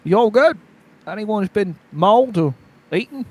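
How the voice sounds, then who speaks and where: Man playing a folksy, higher-voiced town guard. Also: animated, a little slow, a little mellow. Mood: casual concern.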